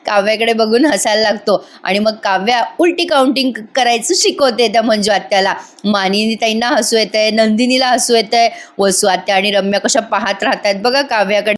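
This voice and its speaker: A woman giving a casual voice-over recap of a TV serial, chatting to viewers directly and laughing often. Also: fairly high pitch. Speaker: TV serial reviewer.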